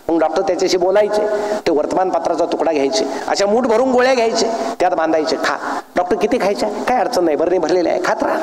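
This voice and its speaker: A man giving a humorous speech to an audience, telling jokes and acting out the dialogue in his stories. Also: high-pitched. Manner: storytelling with jokes, acts out dialogue. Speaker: public speaker. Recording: echoey hall with long reverb.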